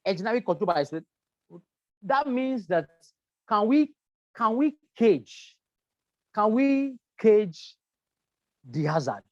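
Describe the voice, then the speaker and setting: A workplace safety trainer giving a lecture with slides, stressing key points by repeating them and pausing often with um. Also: mid-range voice, sing-song, darkish tone, no echo, muffled recording. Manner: emphatic, repeats key points, frequent um fillers.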